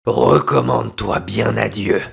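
A man voicing a cruel, murderous nobleman husband in a storybook reading, with a gravelly, raspy, menacing voice. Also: lowish voice, measured pace, exaggerated voice. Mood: cold menace. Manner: menacing, bellowing threats.

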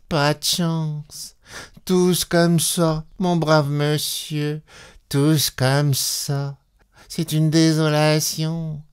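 A hard, bitter countrywoman of about forty, put on by a male reader whines in a teary falsetto, her voice pitched far above his own. She drags her words out slowly and they come out smooth and clear. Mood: whining self-pity. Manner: whining falsetto turning to shouting. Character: coarse, bitter peasant woman around forty. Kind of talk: dramatic reading.

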